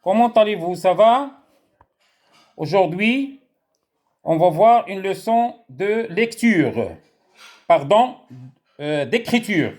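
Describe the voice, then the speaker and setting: A man with a Moroccan accent teaching a writing lesson to young children, slowly repeating words for them to echo. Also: sits high, sing-song, darkish tone.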